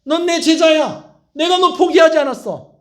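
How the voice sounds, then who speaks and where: A man's voice: high voice, big pitch swings, measured pace, full character voice. A man acting out Jesus during a sermon, speaking tenderly and intimately to a troubled disciple. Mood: pleading. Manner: tender, intimate, speaking softly to one person. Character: Jesus, a gentle grown man comforting his disciple. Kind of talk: sermon with acted retelling.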